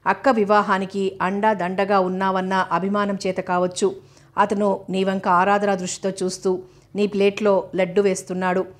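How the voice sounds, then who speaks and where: A woman voicing a married older sister who gently gives advice in a measured, slow way. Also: medium pitch, flat delivery, lightly acted. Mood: advising.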